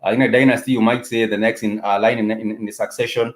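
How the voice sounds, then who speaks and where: A man with an African accent hosts a spoken political commentary, talking haltingly and often repeating phrases for emphasis. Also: on the low side, level tone. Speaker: host of a political discussion show.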